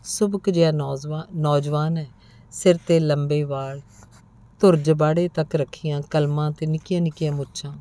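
Woman narrating an audiobook story, low voice, soft mellow tone, steady reading. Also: moderate pace.

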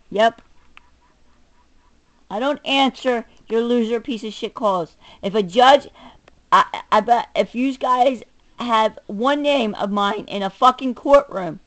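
This self-recording vlogger, a middle-aged woman, lets loose a profane, emphatic tirade to camera, her tone lurching between low mutters and a raised voice. She sounds a little high and slightly bright, and the recording quality is poor.

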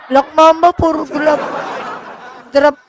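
Loud high-voiced woman live-streaming. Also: level tone, slow, crowd noise. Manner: loud, laughing, greets viewers. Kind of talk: casual live-stream banter. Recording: noisy live-stream audio.

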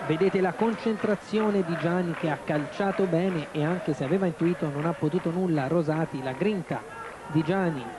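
A man giving live Italian football commentary on television, measured in the build-up and excited in his goal calls. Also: on the high side. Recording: clear outdoor stadium noise. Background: stadium ambience.

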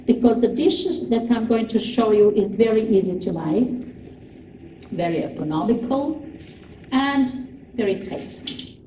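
Slow-talking older woman in an echoey hall. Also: a little high, animated, mellow, distant mic, a little hiss or hum. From Serbia. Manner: slow, earnest, with frequent pauses. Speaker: cooking demonstrator. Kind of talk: informal talk to a class. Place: large plain hall with kitchen tables.

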